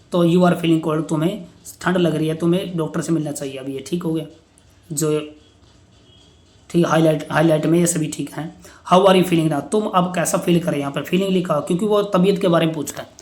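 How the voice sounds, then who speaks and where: A man with an Indian accent teaching English grammar in a lecture, reading English example sentences slowly and explaining them in Hindi. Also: a little high. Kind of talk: classroom lecture.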